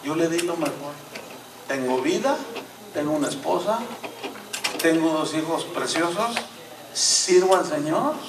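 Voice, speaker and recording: An older-sounding Mexican man, nearing sixty, preaches with a fairly high voice and lively storytelling. He is picked up from a distance in an echoey sanctuary, with steady hiss behind him. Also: unhurried, pauses often. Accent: Mexican Spanish. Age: 50s. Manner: animated, acts out dialogue in shifting voices. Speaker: pastor. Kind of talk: sermon with storytelling. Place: church sanctuary. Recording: echoey church hall, mic at a distance.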